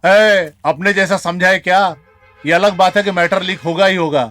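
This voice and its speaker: A brusque gang member. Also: male voice, high-pitched, steady tone, moderate pace, fairly bright tone, no echo, soft background music. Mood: tense. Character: blunt gang member, reassuring his pals. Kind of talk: Hindi film dub.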